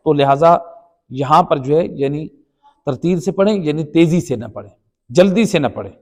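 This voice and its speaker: A man's voice: on the high side, expressive. Pakistani man lecturing in a reverberant hall. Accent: Pakistani Urdu. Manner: explanatory, repeats points, rhetorical questions. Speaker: Quran teacher. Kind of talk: religious lecture.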